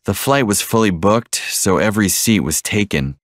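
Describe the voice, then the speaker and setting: Deep-voiced guy reading lesson dialogue lines slow and clear, dry close sound. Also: animated, no room sound. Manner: slow, clear repetition of each line.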